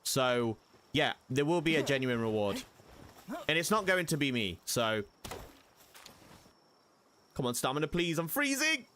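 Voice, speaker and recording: A man's voice: mid-range voice, lively intonation, unhurried, long pauses, a bit bright, a little hiss or hum. A young man giving casual gameplay commentary as a streamer, chatty and prone to sudden panicked yelps. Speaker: gaming streamer.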